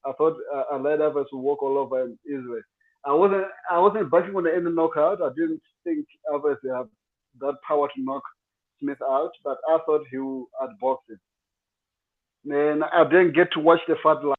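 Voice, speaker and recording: A man speaking as a guest in a remote interview over a bad video call connection that cuts in and out, talking in a halting way and repeating words. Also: a little high. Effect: bad video call connection, cutting in and out. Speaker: boxer guest. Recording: tinny lo-fi call audio.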